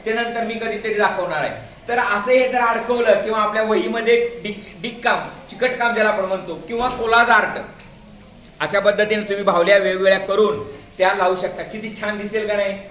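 A man's voice: high-pitched, fairly even intonation, a little fast, a bit bright, a little hiss or hum. Man teaching a craft class, echoey room. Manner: patient, repeats instructions and keeps calling attention to the demonstration. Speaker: school teacher. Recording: roomy classroom echo.

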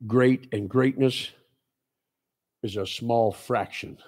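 A pastor in his sixties preaching a sermon in a small church, stressing repeated phrases and swinging between loud and low. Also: slow pace, breathy edge. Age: 60s. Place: small church sanctuary, indoors.

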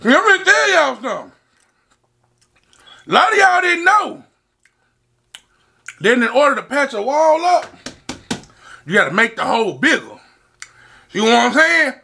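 A man, hosting an eating show and telling stories to his viewers in a loose, animated way, calling out to them and hyping himself up. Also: very high-pitched, measured pace, creaky, pauses often. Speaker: mukbang host. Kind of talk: casual storytelling to camera while eating.

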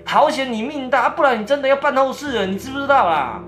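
A man's voice: very high voice, lively intonation, over music, voice pushed up. A man doing a nagging, lecturing father. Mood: scolding. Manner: lecturing, drawn-out sentence endings. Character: scolding older father, nagging and protective.

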